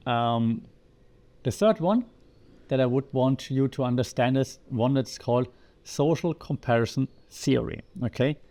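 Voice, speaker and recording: A man hosting a podcast, explaining ideas in a lively way and asking the listener rhetorical questions. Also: mid-range voice. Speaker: podcast host.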